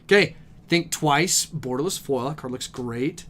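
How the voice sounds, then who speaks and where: A young man at a game store reading card names aloud on a live stream and chatting with viewers, easily excited by good pulls. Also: medium pitch, a little slow, slight background noise. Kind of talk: live-stream pack opening commentary. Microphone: desk microphone.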